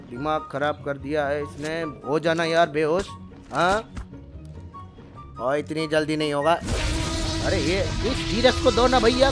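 A man giving excited gameplay commentary with banter, loudly teasing and yelling at the dinosaurs in street slang, on a headset mic at a home gaming setup. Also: fairly high pitch. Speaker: gaming YouTuber.

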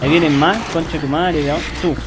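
A young man with a Chilean Spanish accent, doing excitable, swearing co-op game commentary. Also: fairly high pitch, fairly quick, very noisy. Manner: excitable, swearing, yelling at his partner. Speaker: gamer. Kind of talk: co-op let's play commentary. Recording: game music behind.

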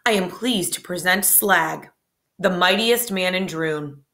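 A woman voicing a showy little male carnival showman who calls out in a booming, theatrical way. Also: slow, a bit bright.

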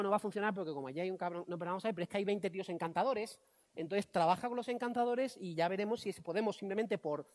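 A man from giving a conference talk, joking and animated with quick asides. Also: high voice. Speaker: conference speaker.

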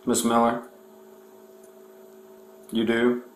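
A man, a police officer speaking calmly and firmly during an arrest. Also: medium pitch, extremely slow. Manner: calm, firm and repetitive. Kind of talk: arrest procedure. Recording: echoey room with background noise.

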